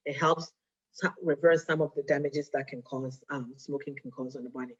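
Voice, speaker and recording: A woman's voice: low-pitched, husky. Woman giving a casual health talk. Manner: conversational, often checks in with "right?"; mixes Twi phrases into English. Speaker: diabetes educator. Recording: dull lo-fi recording.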